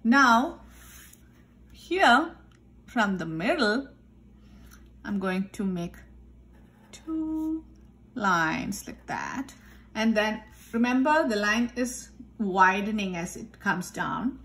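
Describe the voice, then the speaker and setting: A woman art teacher giving a step-by-step drawing lesson, calmly talking through each step as she draws at a desk. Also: mid-range voice, extremely slow, pauses often. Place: indoors at a desk. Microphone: overhead camera filming the tabletop.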